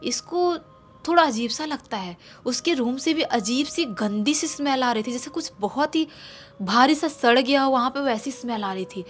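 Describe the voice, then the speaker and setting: A woman's voice: high voice, animated, moderate pace. A woman telling a horror story in a casual, conversational way, with restarts and repetitions.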